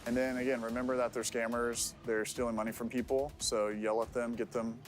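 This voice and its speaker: A man narrating a live campaign against scam callers, energetic and rallying the volunteers. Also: medium pitch, brisk, over music. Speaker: organizer of a scam-call campaign. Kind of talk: upbeat livestream narration.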